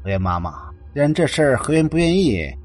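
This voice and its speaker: A man's voice: a little high, very animated, brisk, darkish tone, faint music behind. A man voicing a stern but earnest male university counselor who tries to mediate between mother and daughter. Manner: stern, then pleading.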